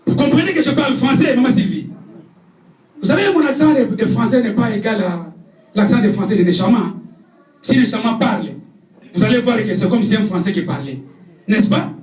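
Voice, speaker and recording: A man preaching a sermon, shouting with passion and dropping low for asides. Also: animated, a little fast, pauses often. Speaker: evangelist preacher. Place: church hall. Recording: echoey church from far off.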